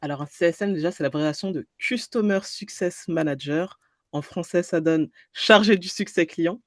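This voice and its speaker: A woman's voice: lowish voice, normal speed, no echo, clean studio sound. A woman talking casually as an interview guest and explaining her work. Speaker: podcast guest, entrepreneur and trainer.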